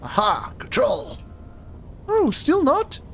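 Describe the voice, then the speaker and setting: Young male streamer, high voice, rambling and chatty, faint rumble behind. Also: wildly swooping pitch, takes it slowly, gravelly, a bit bright, raised voice. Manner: chatty, rambling, easily puzzled. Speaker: game streamer. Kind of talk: casual live-stream chat while playing.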